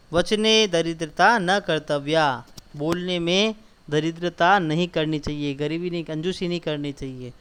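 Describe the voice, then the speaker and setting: A man's voice: fairly high pitch, clean tone. A man teaching a class of children, patiently walking through textbook answers and repeating key points. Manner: patient, repetitive explaining, addresses children directly; reads quoted lines slowly and louder. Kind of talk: school lesson explaining textbook answers.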